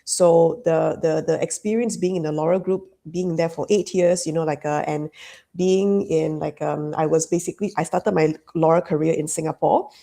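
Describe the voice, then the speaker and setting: Low, creaky and mellow, the woman's voice holds a steady tone at a moderate pace. She's a Malaysian business consultant being interviewed as a guest, and her answers come out hesitant and packed with "um" and "you know, like."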